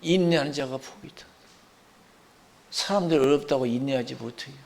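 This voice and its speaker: A man preaching a sermon as pastor, emphatic, swinging between loud outbursts and hushed asides. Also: medium pitch, moderate pace, gravelly. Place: church sanctuary. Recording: long reverb of a church hall.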